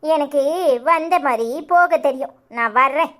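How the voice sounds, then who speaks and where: A woman's voice: high voice, measured pace, fairly bright tone. A woman voicing a willful young bride-to-be who sulks and teases her fiancé. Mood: curt. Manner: teasing, sulky, sarcastic. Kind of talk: cartoon voice acting.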